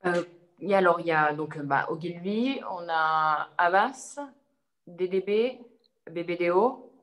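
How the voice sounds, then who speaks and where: A woman's voice: on the low side, measured pace, fairly bright tone. A young woman from the Savoie region of France, talking casually as an interview guest, hesitant and full of fillers and restarts. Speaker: interview guest, advertising creative.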